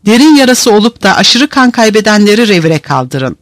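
A man's voice: high voice, very animated, normal speed, fairly bright tone, no echo. A man playing a stern, furious captain. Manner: curt, clipped commands.

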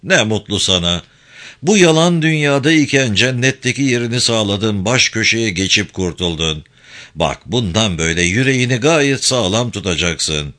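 Stern old sheikh in a told folk tale, deep and forceful, as a male narrator puts him on. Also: expressive, normal speed. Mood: solemn commanding. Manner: grave, commanding instructions.

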